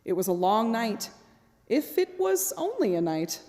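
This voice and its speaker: Woman telling a story for a radio play, dramatic and deliberate, highish voice, reverby hall. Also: big pitch swings, darkish tone. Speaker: narrator.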